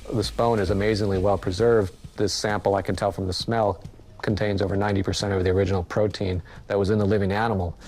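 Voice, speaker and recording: A man's voice: fairly low pitch, level tone, fast talker, a little mellow, low-quality recording. A man speaking as a scientist in a documentary interview, explaining things informally.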